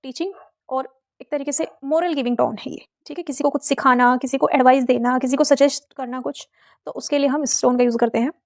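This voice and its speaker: A woman teacher with an Indian English accent explaining terms in an exam-prep lesson. She mixes Hindi and English, checks with quick questions and reads example sentences slowly. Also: sits high, fairly even intonation.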